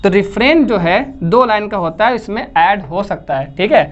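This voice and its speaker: A woman's voice: medium pitch, lively intonation, moderate pace. A woman lecturing as an English literature teacher, who asks her listeners questions, repeats the key terms and keeps checking in with them. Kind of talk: classroom-style lecture. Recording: slightly muffled recording.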